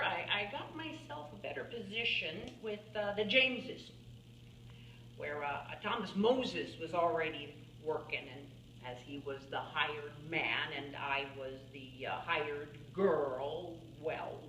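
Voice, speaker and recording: A woman performs a theatrical monologue in character as an elderly, folksy farm-woman painter who is plainspoken and wryly reminiscing. She speaks slowly and haltingly in a low, pushed, bright full character voice, musing with small chuckles and pauses. The recording is roomy with a distant mic and faint background noise.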